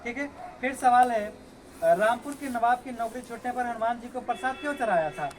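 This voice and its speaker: A man's voice: extremely high pitch, normal speed. A male teacher giving a classroom lecture, explaining the lesson, asking students rhetorical questions and reciting verses. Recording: noisy classroom recording.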